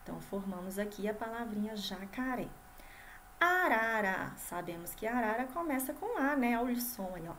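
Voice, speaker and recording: A woman's voice: mid-range voice, animated, a little hiss or hum. A Brazilian woman teaching first graders in a video lesson, stretching out syllables and often checking in with the class. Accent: Brazilian Portuguese. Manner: sing-song, drawn-out syllables for children; constant checking questions to the class. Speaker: primary school teacher. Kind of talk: video lesson for young children.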